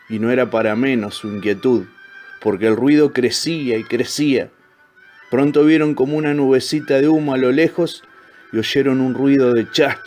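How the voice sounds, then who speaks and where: A man narrates a storybook with a calm, measured telling at a mid-range pitch. Soft, faint music runs quietly behind his voice. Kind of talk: storybook reading.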